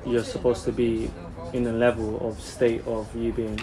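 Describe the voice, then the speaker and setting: Male interviewer, mid-pitched, monotone questions, audible crowd in background. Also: normal speed, low-quality recording. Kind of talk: casual interview conversation. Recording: clear crowd chatter behind.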